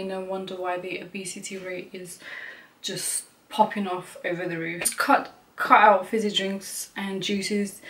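A woman's voice: medium pitch, recorded from a distance. A young woman chatting casually to camera as a beauty vlogger, filling her talk with "like" and "you know".

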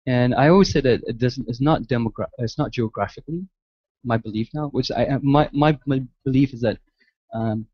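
A man's voice: mid-range voice, brisk, no room sound, muffled recording. A man from Malaysia who grew up in the United States, answering audience questions at a lecture in a hesitant way with many restarts. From Malaysia, raised in the United States. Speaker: guest architect lecturer. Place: large lecture hall.

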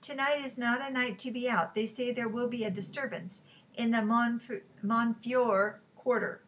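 A woman reading aloud who voices a soft-spoken, ingratiating man with false courtesy. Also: on the high side, steady tone, normal speed, lightly acted, low-quality recording. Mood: courteous.

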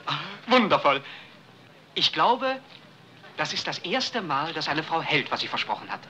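A man's voice: a little high, a little slow, exaggerated voice. An actor playing a charming young man in a 1950s film, exuberant and playful. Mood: enthusiastic. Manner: exuberant, lively. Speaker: Mario, smitten romantic. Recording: old film soundtrack with hiss.

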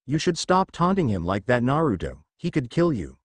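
A man voicing a worried young woman demigod who scolds in a low register. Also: big pitch swings, normal speed, no echo. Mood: scolding.

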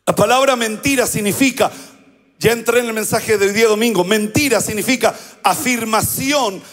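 High-voiced man preaching in a reverberant hall. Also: moderate pace, fairly bright tone. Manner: preaching with call-and-response prompts to the congregation. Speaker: pastor. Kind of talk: sermon.

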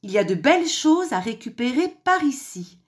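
A woman's voice: high-pitched, sing-song, pitched above the performer's own voice. Woman doing a boastful wicked storybook wolf. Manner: loud, exclaiming, drawn-out complaints. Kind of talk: storybook reading for children.

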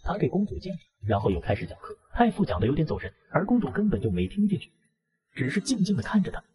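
A man narrating a fantasy romance comic recap in a brisk storytelling manner. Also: a little high, sing-song, warm tone.

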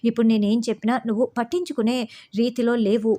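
A woman voicing a hurt young woman who pleads softly and apologetically with her family. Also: a little high, fairly even intonation, quick pace, close to an everyday voice. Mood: pleading.

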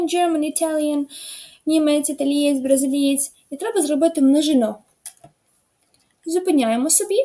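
A woman's voice: high voice, mellow. A woman teaching a beginner English lesson online, explaining step by step in a patient way with frequent filler sounds. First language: Ukrainian.

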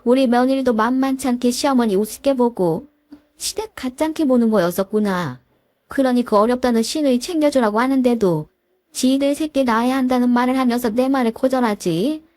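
A domineering older mother-in-law scolds in a sharp, commanding way, as a woman reads her in a fairly high voice. The recording is dry and close, with no room sound. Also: fairly quick, dry recording, lightly acted. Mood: scolding.

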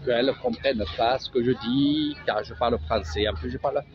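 A man's voice: mid-range voice, moderate pace. A man with a Marseille accent, chatty and sing-song, giving a casual walking tour of an outdoor market as a travel vlogger. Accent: Marseille French. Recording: dull lo-fi audio with music.

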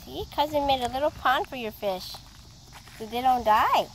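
A woman in her thirties records her children fishing on a rocky shore, her voice high and lively as she encourages them. Soft outdoor ambience sits behind her handheld camera recording. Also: moderate pace, slight background noise. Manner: excited, encouraging, cheering the children on. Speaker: mother filming her kids. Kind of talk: family outing home video.

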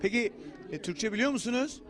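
A man's voice: sits high, fairly quick, crowd noise. A young man, a native Turkish speaker, interviewing guests on location for television. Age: young adult. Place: indoor cultural center event rooms. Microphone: handheld microphone.

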